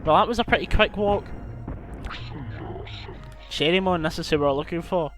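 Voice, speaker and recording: A man's voice: high voice, moderate pace, fairly bright tone. A young man rambling and swearing as he commentates on his game playthrough. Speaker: let's play host. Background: game music.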